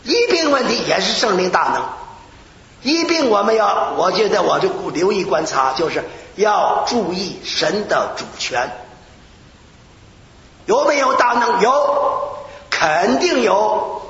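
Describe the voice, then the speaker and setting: An older male preacher tells stories from the pulpit in a high voice that leaps across his range. He acts out shouted prayers and laughs along with his own stories. The recording carries long hall reverb, a muffled lo-fi tone and a faint hiss. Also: slow pace. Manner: animated storytelling, acting out shouts and prayers, laughing. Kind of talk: sermon with personal stories. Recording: echoey hall, dull lo-fi sound, faint hiss.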